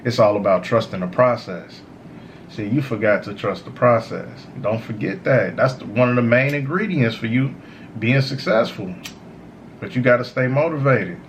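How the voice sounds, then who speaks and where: A man who sounds high, giving a casual, slangy, meandering stoner monologue of motivational advice as a show host. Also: moderate pace, a little hiss or hum. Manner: repeats "you know" tags, informal slangy phrasing. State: high on cannabis. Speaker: host of a smoke session series.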